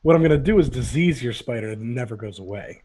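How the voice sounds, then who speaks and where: A man's voice: medium pitch, expressive, quick pace, warm tone. A man acting as game master, explaining rules and outcomes to players in a playful, teasing way on a live stream. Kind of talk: narrating a tabletop game. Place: home studio, live stream.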